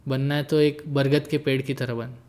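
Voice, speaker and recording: A guest in his late twenties keeps things jokey and easygoing in casual conversation, weaving English into his Hindi. His voice is medium-pitched and a little mellow, delivered flatly at a moderate pace.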